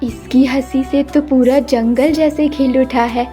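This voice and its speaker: A woman voicing a sorrowful young woman cursed into a flower, speaking a soft, longing inner monologue over background music. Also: high-pitched, steady tone, unhurried. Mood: fond. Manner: wistful, soft, inward monologue. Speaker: voice actor. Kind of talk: dubbed cartoon acting.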